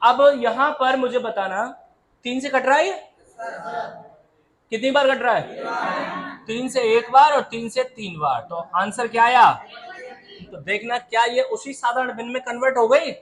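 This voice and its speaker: A man teaching a math lesson in a classroom, lively and always asking the students to answer aloud, calling them "beta". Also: extremely high pitch, a little slow, pauses often. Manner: calls students "beta" and "babu".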